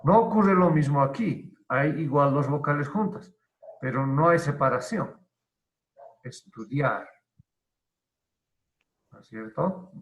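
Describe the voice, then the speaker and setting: A male teacher giving an online grammar lesson, who explains deliberately, repeats key terms and asks and answers his own questions. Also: a little high. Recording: roomy, dull lo-fi online class audio.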